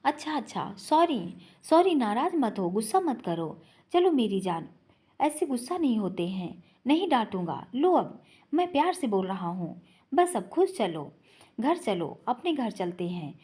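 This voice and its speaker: A woman's voice: on the high side, sing-song, measured pace, a little mellow, husky, exaggerated voice. A woman voicing a grief-stricken young husband who pleads and rages in desperation. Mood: frantic grief.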